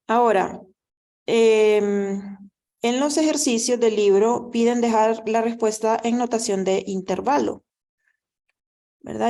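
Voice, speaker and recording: A woman with a warm, fairly high voice gives a recorded math lecture, working through problems patiently step by step. She keeps checking in with the class, frequently asking "¿verdad?".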